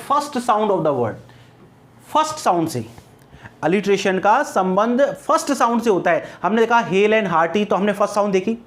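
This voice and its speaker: A male English teacher giving an exam-prep lecture, asking rhetorical questions and answering them himself, and slowing down to spell out words and examples. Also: high voice.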